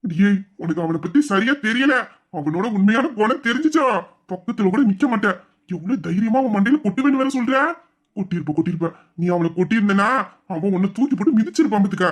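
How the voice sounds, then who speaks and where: A man's voice: sits high, expressive, quick pace. A man playing a teasing young husband in an audio drama, mock-stern and scolding. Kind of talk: Tamil audio drama acting.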